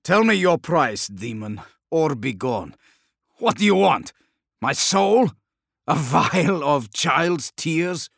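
A man reading an audiobook voices a hard-bitten male soldier who makes clipped, forceful demands. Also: medium pitch, very animated, slow pace, gravelly, no room sound, clean studio sound, full character voice. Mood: demanding. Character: wary, hard-bitten male space marine officer. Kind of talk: audiobook character voice.

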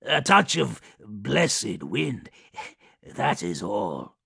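A man voicing a huge, rotting male plague daemon, proud yet insecure, who speaks in louder, higher defensive outbursts. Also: very animated, extremely slow, gravelly, husky, full character voice. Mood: defensive, agitated.

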